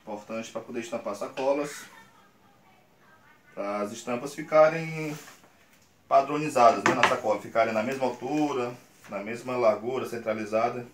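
A man's voice: medium pitch, normal speed, pauses often, a bit bright. Brazilian man, 30s, workshop tutorial host; patient and coaxing, recorded at a distance in a bare, echoing room with faint hiss. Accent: Brazilian Portuguese. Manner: patient, coaxing, explains step by step with frequent "tá?". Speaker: screen printing channel host. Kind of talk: casual how-to demonstration. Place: small indoor print workshop. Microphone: camera on a tripod a few meters away. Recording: roomy, distant camera mic with faint noise.

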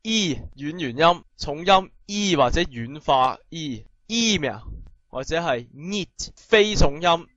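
A man teaching a pronunciation lesson, explaining briskly and then drilling sounds slowly and loudly. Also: fairly high pitch, animated, no echo, dull audio. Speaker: language teacher.

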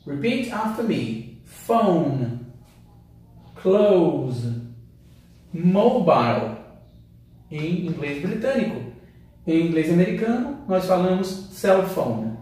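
A man teaching English pronunciation, modeling words slowly and checking in with "ok?" as he goes. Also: high voice, big pitch swings, warm tone, heavy reverb, distant mic. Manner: slow, deliberate, drawn-out delivery with frequent "ok?" checks. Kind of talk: language lesson, modeling words for repetition.

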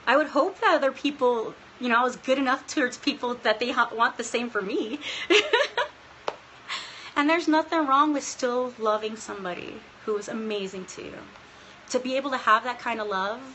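A woman's voice: on the high side, moderate pace, sharp tone, a little hiss or hum, low-quality recording. A woman in her late thirties hosting a casual livestream Q&A for her fans, earnest and emotional, laughing often and close to tears, talking into a phone held close in a small room. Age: 30s. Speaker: livestream host answering fans. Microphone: phone held close, front-facing.

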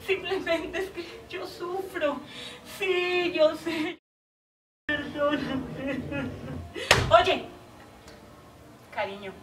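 A woman acting a heartbroken woman pleading with her departing lover on the phone, swinging between tender pleading and desperate outbursts. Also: fairly high pitch. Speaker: stage actress. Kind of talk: stage monologue acting. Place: theater stage. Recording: echoey stage from far off, audible noise.

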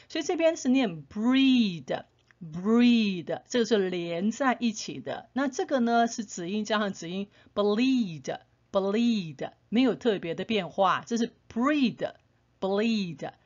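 A woman teaching English pronunciation in Taiwanese Mandarin, patient and encouraging, repeating example words slowly. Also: mid-range voice. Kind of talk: phonics lesson with slow drawn-out example words. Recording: slightly dull lo-fi sound.

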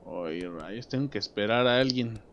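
Animated Mexican gamer talking over play. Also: male voice, fairly low pitch, moderate pace, a little hiss or hum. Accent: Mexican Spanish. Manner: animated, jokey, talks to himself and viewers while playing. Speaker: gameplay commentator. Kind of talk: let's play commentary. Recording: background game music.

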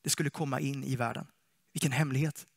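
A man preaching a sermon in a church, lively and playful, often asking the congregation questions. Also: mid-range voice, creaky, dry recording, studio quality.

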